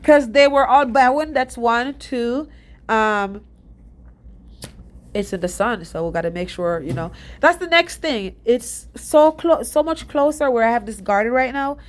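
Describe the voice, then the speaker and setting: A woman's voice: fairly high pitch, expressive. A young Jamaican woman giving a casual, rambling voice-over about her garden, stuffy and short of breath. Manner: chatty, rambling and fast-talking. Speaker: DIY gardening vlogger.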